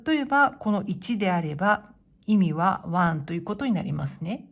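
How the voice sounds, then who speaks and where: A woman teaching Japanese to beginners in a clear, patient way, modeling pronunciation slowly and encouraging learners. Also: fairly low pitch, animated. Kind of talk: slow, clear explanatory lesson.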